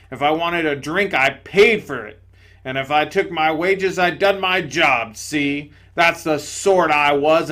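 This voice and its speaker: Reading from a storybook, a man gives a fairly high-pitched voice to a hulking male ghost who blusters loudly and self-righteously in rough, ungrammatical working-class speech.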